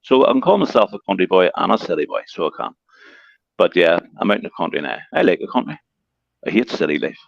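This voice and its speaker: A man with a Belfast accent who talks quickly, slurs his words and leans on heavy slang while chatting as a guest on a livestream call. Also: low voice, very animated, vocal fry, no echo. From Northern Ireland. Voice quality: fast slurred speech with heavy slang. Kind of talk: casual chat. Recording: dull, dry lo-fi call audio.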